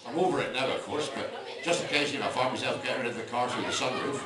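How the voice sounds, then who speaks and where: At a live comedy venue, an older male stand-up delivers dry one-liners and rambling asides in a medium-pitched, rapid-fire voice. The club is echoey, the mic sits at a distance, and a loud crowd laughs throughout.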